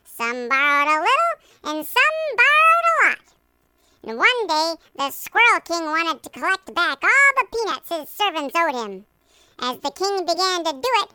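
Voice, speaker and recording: An adult performer voicing an excitable young squirrel puppet in a children's Bible lesson skit, telling a story in a bubbly, animated way with punny asides. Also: extremely high pitch, dry recording, full character voice.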